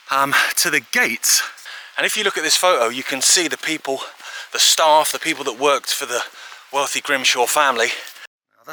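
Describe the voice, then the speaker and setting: A man's voice: medium pitch, sharp tone, a little hiss or hum, rough recording. A man hosting a walking vlog outdoors by a river, chatty and enthusiastic, a bit out of breath as he walks and films. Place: outdoors in a wooded valley by a river.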